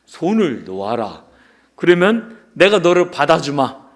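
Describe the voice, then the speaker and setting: A man voicing God, who calmly commands a frightened man from above. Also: fairly high pitch, unhurried. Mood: solemn.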